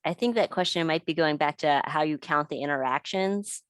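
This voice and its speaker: A woman moderating a webinar Q&A over a video call, asking questions in a brisk, friendly way. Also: deep voice, no echo.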